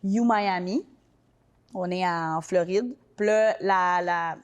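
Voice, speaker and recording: A young woman with a Québécois accent talks quickly and loosely, packing her sentences with casual fillers. She sounds like an easygoing interview guest telling her story. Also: on the low side, clean tone. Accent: Québécois French. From Quebec. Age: young adult. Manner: quick, colloquial, many fillers like "genre" and "tu sais". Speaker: interview guest, soccer player.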